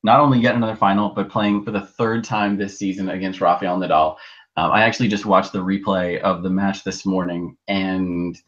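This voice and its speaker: A man talking as a podcast co-host in casual chat, heard through a low-quality internet call, halting and often restarting his words. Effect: low-quality internet call audio. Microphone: video call. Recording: dull lo-fi video call line.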